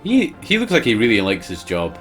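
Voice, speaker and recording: A man's voice: lowish voice, huge pitch swings, brisk, over music. A man giving casual, sardonic, sweary comedic commentary as a video game reviewer.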